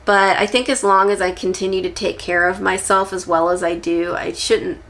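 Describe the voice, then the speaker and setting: A woman's voice: medium pitch, fairly even intonation, moderate pace, fairly bright tone. A woman in her forties chatting to camera in a casual, reflective vlog, candid and musing, with frequent small restarts. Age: 40s. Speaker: vlogger.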